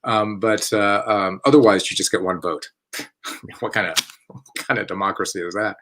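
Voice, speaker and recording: A man with a fairly low voice hosts a relaxed online talk from home. He wanders off track, stops to correct himself and chuckles along the way. His delivery is loose and unscripted. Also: normal speed, noisy background. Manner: rambling and self-correcting, with chuckles. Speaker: artistic director hosting a theater company's online chat. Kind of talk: casual live-stream chat.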